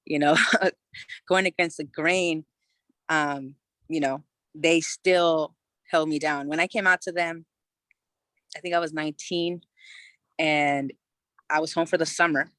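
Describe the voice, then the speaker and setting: A woman in her thirties from California talks in a deep, fairly bright voice with fairly even intonation, a measured pace, and frequent pauses, recorded without room sound. On a podcast as a guest, she shares her personal story in a relaxed, honest manner full of "you know" fillers and casual swearing.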